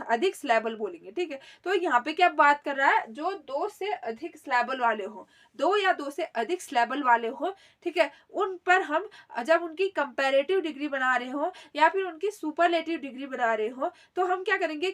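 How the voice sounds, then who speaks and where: A woman's voice: high voice, a bit bright. A woman teaching a grammar lesson, who spells words out letter by letter and keeps checking in with her listeners. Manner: repeats "theek hai" often, spells letters out slowly.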